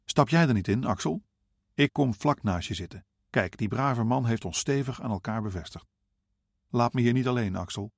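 A man voicing a frail elderly wife who softly pleads not to be separated from her husband. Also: medium pitch, expressive, moderate pace, no echo, studio quality. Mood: pleading. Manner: pleading, soft.

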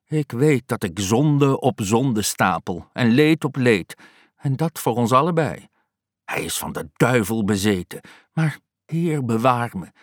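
A man voicing a fussy, soft-hearted old aunt who scolds in a shrill, exasperated way, in an audiobook reading. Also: lively intonation, measured pace, dry recording, clean studio sound, close to an everyday voice.

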